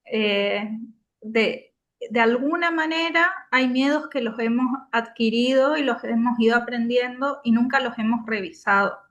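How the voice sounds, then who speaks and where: A woman co-host with a fairly high voice. She lays out her thoughts in a calm, explanatory way. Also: unhurried, highs cut off. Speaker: podcast co-host. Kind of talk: casual conversation.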